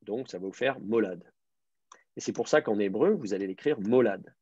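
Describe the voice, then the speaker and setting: His voice sits on the low side, animated, husky, and darkish, at a moderate pace. Teaching an online class, he works through explanations step by step, patient but hesitant, with plenty of fillers, restarts, and repeated words. The sound is dry and slightly dull lo-fi.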